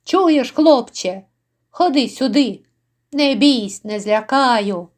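A woman's voice: on the high side, animated, slow pace. Woman reading as a commanding rebel chieftain. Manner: authoritative, fatherly.

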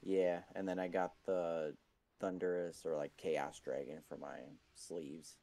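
A man's voice: low voice, flat delivery, unhurried, mellow. A young man chatting casually with a friend while gaming, laid-back and swearing now and then.

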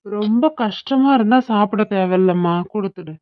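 A woman's voice: medium pitch, moderate pace, natural voice. A woman voicing a patient, indulgent father in a cartoon, speaking in a coaxing way with a southern Tamil Nadu accent. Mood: gentle. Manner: coaxing, calm lecturing. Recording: tinny phone-like sound.

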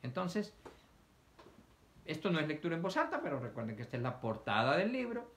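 A man's voice: a little high, very animated, a little fast. A man teaching young children, reading a picture book aloud, asking them questions and acting out sneezes and coughs.

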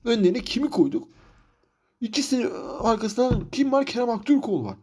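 A man's voice: very high voice, very animated, fairly quick, darkish tone, slightly rough. A man commentating his football manager game career, frustrated and ranting, repeating himself. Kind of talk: let's-play commentary.

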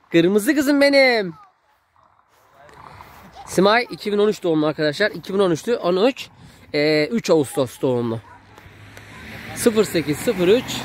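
A man's voice: sits high, expressive, moderate pace, pauses often, a little hiss or hum. A man in his thirties filming a casual family vlog, chatty and affectionate with the children. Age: 30s. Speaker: vlogger, uncle.

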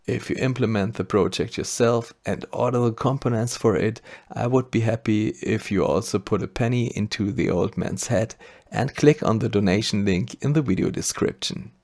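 Speaking at normal speed in a fairly low, slightly mellow voice, this German-accented man hosts a maker channel. He walks through a scripted electronics tutorial one careful step at a time.

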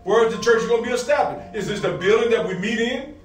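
A male pastor with a high-pitched, fast voice preaches a sermon with scripture readings, posing questions, answering them and repeating key phrases with frequent amens. The recording is roomy, taken from a distant mic, with faint music behind.

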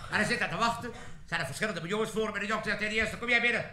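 A man with an Amsterdam accent telling jokes on a live stage, animated and laughing often as he slips into character voices. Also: sits high, very fast, crowd noise. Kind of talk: stand-up joke telling on a live record. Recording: echoey 1950s vinyl recording.

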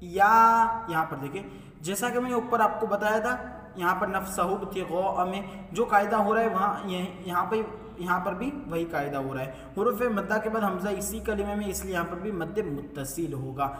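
Male recitation teacher, high bright voice, asks and answers his own questions, echoey hall, mic far off. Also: moderate pace, slight background noise. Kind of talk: step-by-step tajweed lesson.

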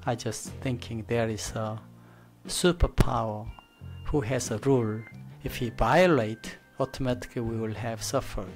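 A middle-aged man with a Korean accent, a native Korean speaker giving an informal, reflective presentation in halting English at a desk microphone. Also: mid-range voice. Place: studio desk with a virtual set. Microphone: desk gooseneck microphone.

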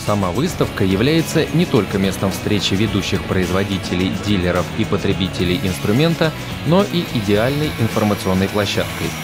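A man with a fairly low voice reads a scripted voice-over in a measured, formal announcer style. Loud music plays underneath him the whole time. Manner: formal, even announcer delivery. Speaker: narrator.

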